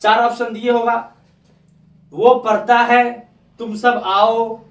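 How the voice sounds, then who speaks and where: A man teaching a grammar lesson, slowly repeating each example for his students. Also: very high-pitched, flat delivery. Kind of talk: classroom lesson. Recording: echoey room, mic far off.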